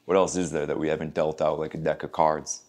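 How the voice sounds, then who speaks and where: An actor performing a stage monologue as a heartbroken man reflecting on love, speaking slowly with long pauses and drops to near whispers. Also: little pitch movement. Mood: reflective. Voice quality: very deep gravelly voice.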